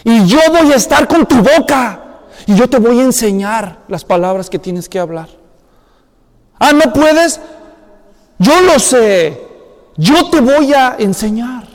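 A man's voice: very high voice, expressive, slow, long pauses, big-room sound, full character voice. A man voicing God, firm and reassuring, pressing a reluctant servant with rhetorical questions. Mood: insistent.

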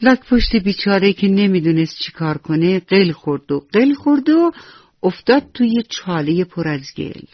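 A man telling a bedtime story to children on radio, gentle and playful, speaking right to the kids. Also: sits high, expressive, no echo. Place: radio studio. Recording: dull lo-fi radio recording with faint music.

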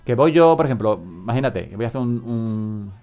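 A man's voice: mid-range voice, expressive, moderate pace, a little mellow, clean tone, soft background music. A man hosting a joking live radio show, rambling and acting out little scenes as he talks. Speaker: host of comedy radio show.

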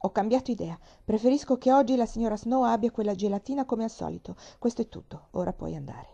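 A woman's voice: fairly high pitch, fast talker, gravelly, mellow, muffled recording. A woman reading aloud, voicing a stern, rigid older aunt who speaks in a severe, clipped way.

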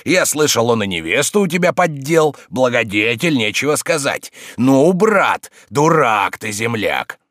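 A man voicing a coarse, bullying middle-aged man who shouts insults and accusations. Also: mid-range voice, very animated, measured pace, few pauses, no room sound, clean studio sound, voice pushed up. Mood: scornful.

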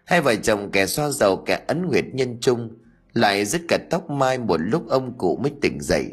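A man narrates a ghost story with steady delivery. His voice is husky and sits on the low side. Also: moderate pace, soft background music.

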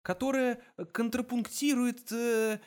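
A frantic, high-pitched Earthman who wails and gushes, put on by a man. His voice sits clearly above the narrator's own. It is performed as an audiobook character. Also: moderate pace. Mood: eager. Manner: high, excited and wailing. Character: frantic panicky Earthman, young adult male.

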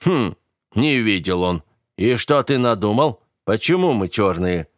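A man voicing a gruff, grumbling male fight trainer in an audiobook, speaking slowly and loudly with a mocking edge. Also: lowish voice, animated, dry recording, studio quality. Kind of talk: audiobook character voice.

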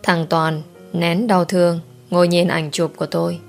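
A woman narrates a first-person story in a steady, emotive way. Her voice sits on the low side. Faint music plays quietly behind her. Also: normal speed, gravelly.

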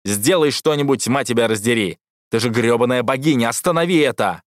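A man reading an audiobook voices a young male sorcerer who shouts and pleads in desperation. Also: mid-range voice, moderate pace, dry recording, studio quality, pitched above the performer's own voice, lightly acted. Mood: desperate. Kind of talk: audiobook character voice.

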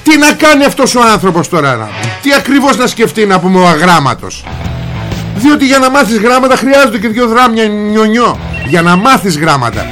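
A man hosts a talk radio show and rants in a high, mocking voice. He talks in blunt slang with sarcastic jabs. Faint guitar music plays underneath. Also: sing-song, a bit bright. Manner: sarcastic, mocking, colloquial rant. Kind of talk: ranting political talk with callers.

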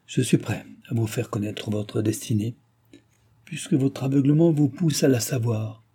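Man voicing grave sorcerer, solemn, menacing, dark husky tone, audiobook. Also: medium pitch, normal speed, lightly acted.

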